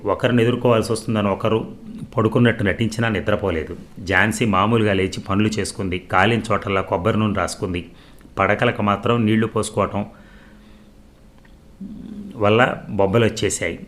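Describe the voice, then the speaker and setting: Low-voiced man reading a novel aloud. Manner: steady, measured reading. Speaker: storyteller. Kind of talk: scripted novel narration.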